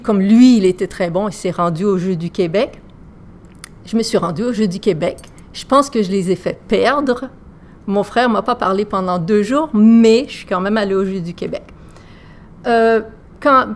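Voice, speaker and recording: A woman teacher with a Québécois accent, telling self-deprecating, humorous anecdotes in a casual podcast. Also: medium pitch.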